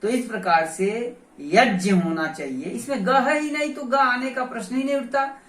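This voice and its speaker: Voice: mid-range voice, normal speed, fairly bright tone. A teacher explaining pronunciation in a lesson, speaking methodically and saying each sound aloud several times to demonstrate it. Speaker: grammar teacher. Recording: roomy echo, voice from a distance.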